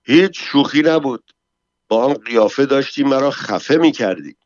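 A man's voice: mid-range voice, expressive, a little mellow, dry recording, lo-fi sound, voice pushed up, close to an everyday voice. A man voicing a weary, blunt male guard who talks to his coworker with impatience and exasperation. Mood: impatient.

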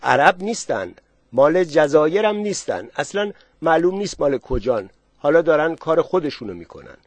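A man's voice: on the high side, big pitch swings, no room sound, pitched above the performer's own voice. A man voicing the headman's young son, hurriedly reporting what he has seen.

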